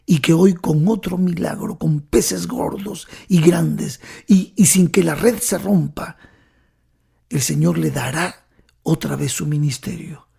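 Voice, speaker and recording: A man preaching a sermon, telling the story dramatically and often dropping to a hushed whisper while speaking directly to the listener. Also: fairly high pitch, slow pace, creaky, husky.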